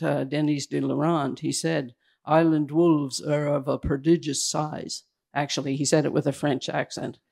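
A man giving a slide presentation at a public event indoors, talking in a hurried, halting way that keeps restarting its phrases. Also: a little high, vocal fry, a little mellow. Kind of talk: slide presentation to a live audience.

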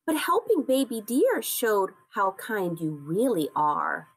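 A woman reading the lines of a kind, wise mother deer in a children's storybook, calm and explaining. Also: mid-range voice, slow, breathy edge, heavily acted.

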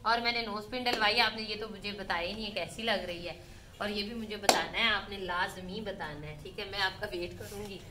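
A Pakistani woman vlogs casually at home on her phone, moving in and out of doors and chatting to viewers in one long breath while saying "theek hai" constantly. Her medium-pitched voice stays steady and brisk. The room echoes, with faint ambience and some background noise.

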